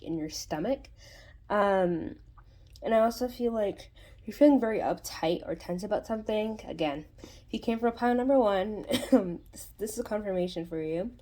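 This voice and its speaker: A woman's voice: mid-range voice, normal speed, dark tone. A woman hosting her own channel, giving a casual spoken tarot reading in a rambling way, full of fillers and restarts. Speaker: tarot reader and channel host.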